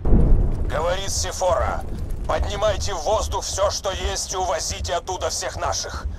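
A man's voice: high-pitched, moderate pace, over music. An actor playing a stern, resolute male warship captain in a video game, his voice coming over a radio. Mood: urgent, commanding. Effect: heard over a radio.

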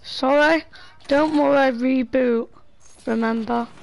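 A woman chatting live with teammates while gaming, excitable and bossy in her calls. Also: high voice, slow, vocal fry, a little hiss or hum, rough recording. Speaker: gamer. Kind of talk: live gameplay chat with teammates.

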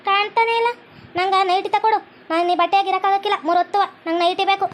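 A woman's voice: extremely high pitch, steady tone, rapid-fire. A woman playing a sulky, demanding young village wife who nags and threatens, with a North Karnataka Kannada accent. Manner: nagging, threatening.

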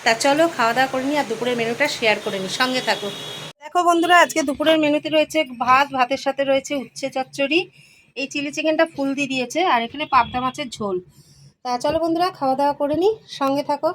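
A high-pitched woman with a Bengali accent talks to her viewers like friends as she films her daily routine at home. She speaks into a phone camera, with a faint hum of household noise behind her. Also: fast talker, a bit bright. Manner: chatty, addresses viewers as friends. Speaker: vlogger. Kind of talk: casual daily vlog narration. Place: family home.

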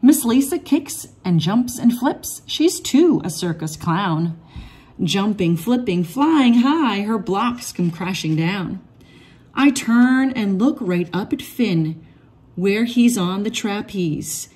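A woman reads a rhyming children's picture book aloud, telling the story in an expressive, measured way. Her voice sits at medium pitch with a breathy edge.

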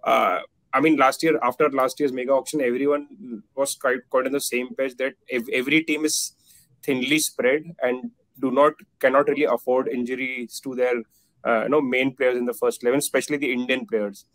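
This thirty-something man talks cricket on a video call as part of a relaxed panel, his mid-range voice steady, slightly bright, and at a moderate pace despite many fillers and restarts. Picked up by a webcam in a plain indoor room, the sound is poor but free of echo.

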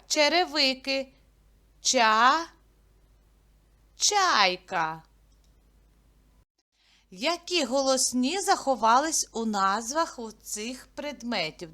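A woman teaching a literacy lesson to young children, speaking patiently and clearly and drawing out each sound. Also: high-pitched, pushed and bright.

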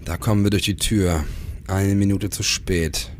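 In a German crime radio play, an actor with a low voice plays a driven, probing police detective who also narrates his own case in the first person. His intonation stays fairly even and his pace measured, with an urgent, probing mood and slight background noise.

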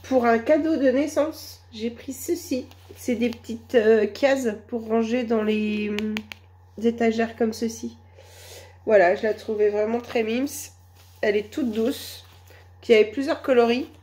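A woman with a cold and a hoarse voice, chatting slowly and hesitantly through a shopping haul. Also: fairly high pitch, steady tone, warm tone. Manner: hesitant, many fillers, slow and chatty. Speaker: vlogger. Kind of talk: casual shopping haul vlog.

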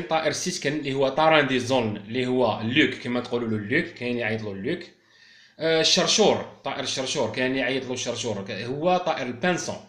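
An Algerian-accented man keeps up a quick, chatty explanation as he talks straight to his viewers. He is a bird keeper giving a casual video talk. The sound rings around a roomy, echoey space. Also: medium pitch, a bit bright. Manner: explanatory, addresses viewers directly and informally.

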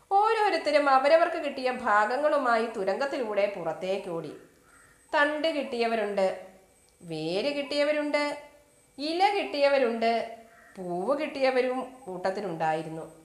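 A woman teacher with a fairly high voice reads a children's story with lively expression. She keeps stopping to explain words and put simple questions to young listeners. The room around her sounds echoey.

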